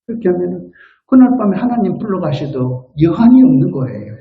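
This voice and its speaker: Older man preaching lively in a church. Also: a little fast, creaky. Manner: lively, acts out quotes with big pitch swings. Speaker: guest elder preaching at a revival. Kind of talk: sermon. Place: church sanctuary floor, not the pulpit. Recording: roomy, dull lo-fi church recording.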